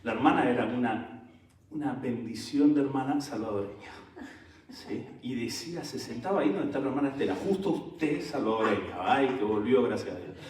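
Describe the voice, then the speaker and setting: A male pastor preaching a sermon with animated energy, throwing questions out to his congregation. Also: mid-range voice, fairly quick, slight background noise. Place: church sanctuary. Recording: echoey church hall, mic at a distance.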